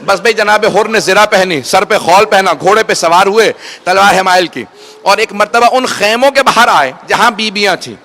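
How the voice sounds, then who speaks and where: Very high, bright-voiced male preacher in mourning. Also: a little hiss or hum. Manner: urges the audience to weep, stretches phrases in grief-laden recitation. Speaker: cleric reciting a mourning majlis. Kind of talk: impassioned mourning sermon.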